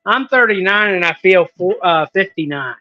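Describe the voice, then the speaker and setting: A man's voice: high-pitched, lively intonation, moderate pace, pushed and bright, highs cut off. A man in his thirties, a wrestling promoter, talking in a casual podcast interview with hesitant ums and restarts. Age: 30s.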